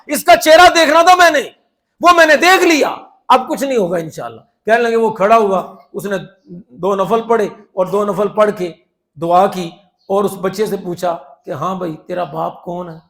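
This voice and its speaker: High-voiced animated male preacher. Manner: animated, acts out quoted voices, swings from loud to soft. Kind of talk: sermon storytelling.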